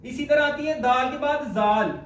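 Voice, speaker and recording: A man teaching the correct pronunciation of Quran letters, speaking slowly and deliberately and repeating each sound to demonstrate it. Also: extremely high pitch, a bit bright. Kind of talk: spoken lesson on letter pronunciation. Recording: echoey room, voice far from mic.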